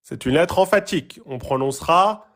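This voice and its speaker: A man's voice: a little high, expressive, normal speed, a bit bright. A man teaching a lesson on pronunciation, stressing and repeating sounds to drill them. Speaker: Quran recitation teacher. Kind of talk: classroom-style lesson.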